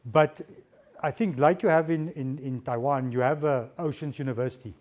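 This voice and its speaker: Halting, mellow diplomat. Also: male voice, medium pitch. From South Africa. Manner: halting, repeats words while searching for phrasing. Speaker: diplomat giving a guest lecture. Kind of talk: lecture answering audience questions.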